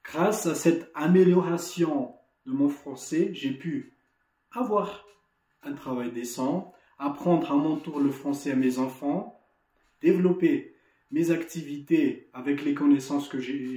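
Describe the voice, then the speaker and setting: A Malagasy-accented man speaks slowly and earnestly, urging students on, his voice a touch higher than most men's yet warm and mellow. He often stumbles and repeats words, and the sound comes over a video call from an echoey room. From Madagascar. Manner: earnest, encouraging, with frequent restarts and repeated words. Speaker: association delegate giving an opening lesson. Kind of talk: motivational speech to students.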